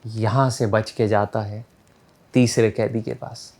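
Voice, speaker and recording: Relaxed conversational male storyteller. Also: on the low side, slow pace, vocal fry. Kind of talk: casual spoken storytelling.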